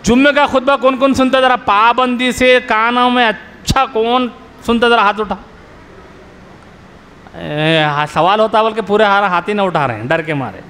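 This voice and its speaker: A middle-aged male religious scholar lecturing a live crowd in a fairly high voice. He tells homely stories and keeps stopping to quiz his listeners, repeating the key point until they answer. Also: a bit bright, big-room sound, a little hiss or hum. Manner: quizzes the audience with repeated questions; storytelling with everyday examples. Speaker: Islamic scholar, maulana.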